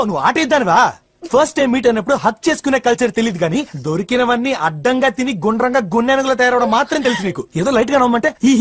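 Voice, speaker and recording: A man's voice: very high voice, dry recording. An actor playing a rude, cocky young man who teases and insults his date in a dubbed film comedy, mixing in English. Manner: mocking, teasing, mixing in English.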